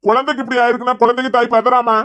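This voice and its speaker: A woman's voice: on the high side, flat delivery, very fast, fairly bright tone, lightly acted. A woman voicing a worried, scolding older father in a cartoon series, with a Kanyakumari Tamil accent. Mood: concerned. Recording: dull lo-fi sound.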